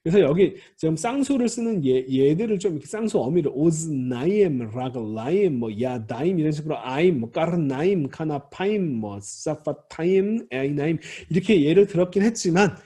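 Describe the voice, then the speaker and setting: A man's voice: a little high, animated, moderate pace, few pauses, mellow, breathy edge. A man teaching a recorded grammar lecture, patiently explaining, repeating key words and reassuring students directly.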